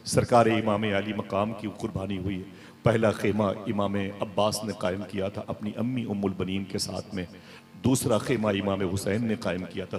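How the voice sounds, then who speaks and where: A man's voice: lowish voice, a little mellow. A man preaching an impassioned sermon to a seated gathering, talking straight to the listeners and swelling into declamation. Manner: addresses the audience directly, swells into declamation.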